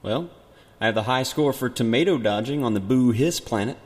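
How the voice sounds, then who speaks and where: A man's voice: mid-range voice, animated, brisk, a little mellow. Man playing a cocky spaceman inside a tin can. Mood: bragging, laid-back. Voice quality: tinny, metallic, as if speaking inside a tin can. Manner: brash, slangy, defensive bragging. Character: cocky, touchy young spaceman musician from the twenty-fifth century. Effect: tin-can metallic voice filter. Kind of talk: mock interview comedy.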